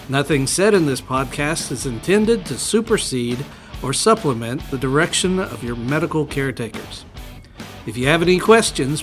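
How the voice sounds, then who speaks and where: A man reads a podcast's formal intro and medical disclaimer. His voice sits a little high, measured and scripted. Soft guitar music plays faintly behind him. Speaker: podcast announcer.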